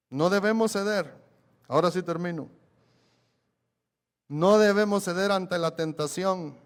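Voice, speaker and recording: A man preaching a sermon as a pastor, emphatic and repetitive, often asking the congregation questions. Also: fairly high pitch. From Guatemala. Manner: emphatic preaching, repeats key phrases, asks the congregation questions.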